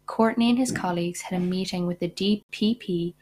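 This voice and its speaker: A young woman hosts a true-crime podcast, reading facts from a script and breaking off into indignant asides. Her voice is lowish, brisk, and a little mellow. There's slight background noise.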